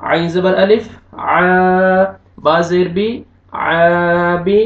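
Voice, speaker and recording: Male Quran tutor, high voice, slow deliberate spelling of syllables, distant echoey lo-fi recording. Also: level tone, fairly bright tone. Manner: slow syllable-by-syllable spelling with drawn-out recited words. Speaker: Quran teacher. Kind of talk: spelling out Quranic recitation lesson. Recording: echoey, distant, dull lo-fi room sound.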